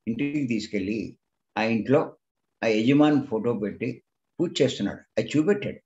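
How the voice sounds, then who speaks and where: A man of middle pitch delivers a spiritual discourse. He tells a story, voices the people in it and keeps turning to the listeners with questions. The recording is muffled and lo-fi. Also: moderate pace, darkish tone. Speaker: spiritual teacher. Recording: dull lo-fi recording.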